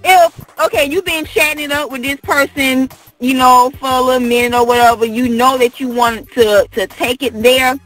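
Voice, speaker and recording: Husky, high-voiced woman in casual chat. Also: steady tone, normal speed, hardly any pauses, fairly bright tone, soft background music. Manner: blunt, profane, hesitant restarts when explaining.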